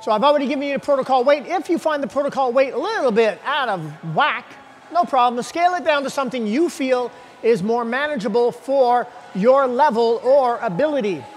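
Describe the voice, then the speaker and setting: High-voiced man coaching in a gym. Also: expressive. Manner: upbeat, brisk and plainspoken. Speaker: fitness coach host. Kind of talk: workout instruction to camera. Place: large indoor gym. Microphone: lapel mic. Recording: long reverb of a big gym hall.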